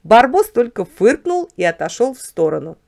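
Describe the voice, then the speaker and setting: A woman narrating a children's story in an expressive, lively telling. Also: a little high, normal speed, creaky.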